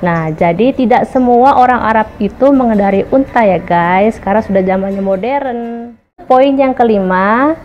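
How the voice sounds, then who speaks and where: A woman's voice: a little high, moderate pace, a little mellow, a little hiss or hum. A woman vlogger talking casually to her viewers, explaining points one by one in a chatty way. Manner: chatty, addresses viewers as guys, lists points. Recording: muffled audio with faint background music.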